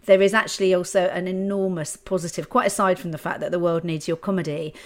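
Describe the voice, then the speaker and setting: A middle-aged British woman speaks as a podcast host, her voice slightly low. She is earnest and reassuring, talking in a natural conversational flow. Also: fairly even intonation, quick pace. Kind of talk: conversational interviewing.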